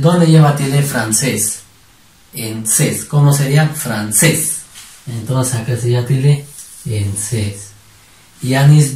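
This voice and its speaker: A man's voice: mid-range voice, warm tone. A male teacher giving a spelling lesson, drilling words syllable by syllable and asking questions that he answers himself. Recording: roomy sound from a distant mic.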